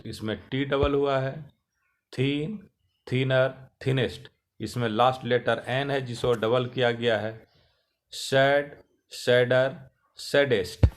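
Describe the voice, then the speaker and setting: A male teacher giving a slow grammar lesson, spelling out words letter by letter. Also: mid-range voice.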